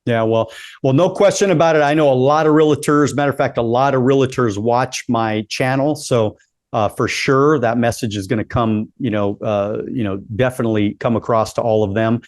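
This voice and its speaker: A man's voice: medium pitch, moderate pace, no room sound. Upbeat man hosting, turning fifty. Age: 40s. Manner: upbeat, encouraging, repeats words often. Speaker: podcast host. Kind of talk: casual interview chat.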